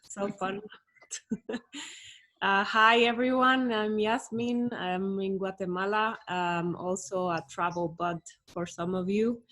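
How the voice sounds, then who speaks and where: A woman on a video call greeting a group, slow and unhurried. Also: medium pitch, fairly even intonation, fairly bright tone. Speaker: community member.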